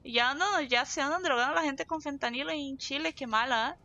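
A woman's voice: sits high, fairly quick, sharp tone, highs cut off. A woman from southern Brazil with a southern Brazilian accent, chatting casually and at length while streaming a game. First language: Portuguese. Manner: chatty, talks a lot, laughs easily. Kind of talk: casual live gameplay chat.

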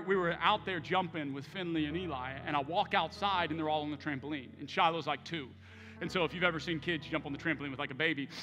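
A man in his thirties preaching a sermon as pastor, impassioned and emphatic, mixing stories from home into his message. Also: fairly high pitch. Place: large church sanctuary. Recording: church hall reverb with soft music.

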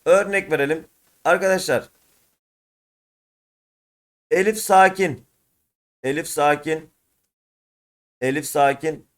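Slow Turkish teacher drilling Arabic letters. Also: male voice, fairly high pitch. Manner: slow, drills letter sounds in loud repeated pairs. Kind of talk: classroom lesson.

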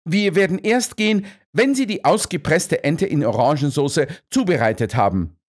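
Man voicing a calm, firm constable. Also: fairly high pitch, normal speed, pitched above the performer's own voice. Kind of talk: audiobook character reading.

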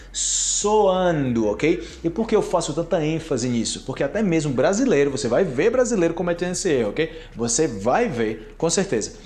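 A young man with a Brazilian Portuguese accent gives a relaxed online language lesson. His voice sits fairly high. He draws out sample words slowly for his learners and keeps checking in with quick "ok?" tags. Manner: slow, drawn-out model words for pronunciation drills. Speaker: Portuguese teacher.

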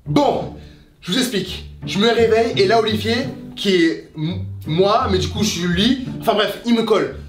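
A man's voice: high voice, normal speed, roomy sound, soft background music. A young man in a comedy sketch, flustered and exclamatory.

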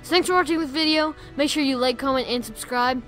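A woman giving casual, excitable gameplay commentary, rambling with lots of "like" and "friggin'". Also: sits high, fast, over loud music. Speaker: gaming YouTuber.

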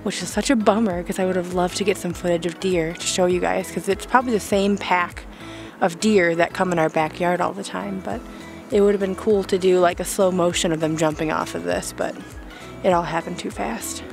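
A woman's voice: lowish voice, fairly even intonation, a little fast, gravelly, soft background music. A young woman vlogging on a winter hike in the woods, talking chattily to a handheld camera with lots of fillers. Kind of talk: casual vlog talk to camera.

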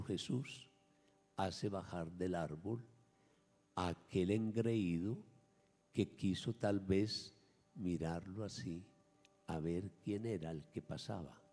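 A man, a priest, preaching a sermon at Mass, emphatic, swinging between raised and hushed lines. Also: lowish voice, in a large hall. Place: church.

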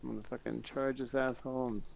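A man chatting casually and joking loudly with friends while playing a VR game over online voice chat. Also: medium pitch, fast talker, vocal fry. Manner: joking, excitable, swears a lot. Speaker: gamer.

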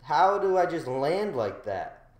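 A man's voice: a little high, very animated, slow pace. A young man with a slangy, heavily profane frat-bro manner, giving casual commentary while playing a game. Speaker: gamer recording a gameplay video. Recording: roomy echo, engine noise behind. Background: racing game car sounds.

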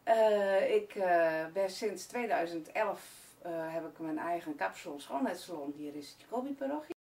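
A woman's voice: lowish voice, lively intonation, normal speed, darkish tone. A woman in her forties who owns a hair and beauty salon, speaking hesitantly with many fillers as she presents her business to camera. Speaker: salon owner. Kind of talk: promotional talk to camera. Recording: distant camera mic with faint room noise.

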